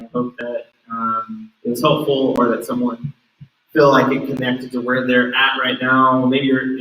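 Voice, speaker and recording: Youth group host, relaxed and encouraging, mid pitch, recorded from across a roomy space. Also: male voice. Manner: easygoing, encouraging, frequent ums. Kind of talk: casual livestream chat. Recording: roomy room, mic at a distance.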